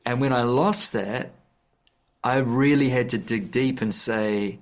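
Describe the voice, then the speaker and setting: In a radio studio, a man who is an author and musician speaks slowly and earnestly during a reflective, conversational interview. His voice is medium in pitch. He searches for words, frequently restarting his sentences and correcting himself.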